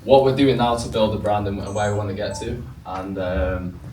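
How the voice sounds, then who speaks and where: A young man with a British accent telling his story to an audience on stage, relaxed, with many fillers and restarts. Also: fairly low pitch, moderate pace. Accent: British English. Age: young adult. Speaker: co-founder speaking to an audience. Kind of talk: casual storytelling talk on stage. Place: event room with an audience. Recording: roomy room, mic far off, faint noise.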